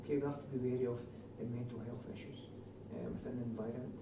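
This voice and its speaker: A man's voice: mid-range voice, fairly even intonation, rapid-fire, creaky. A man with a broad Scottish accent teaching a class as a trainer, putting questions to his trainees. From Scotland. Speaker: trainer of door supervisors. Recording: distant mic, echoey room, faint noise.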